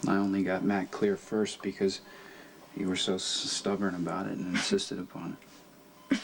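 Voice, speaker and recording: An actor playing a gentle man who reassures a woman in a hospital bed, soap opera style. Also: level tone, moderate pace, vocal fry, background noise. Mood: tender. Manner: soft, reassuring, low-key. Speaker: rescuer at a hospital bedside.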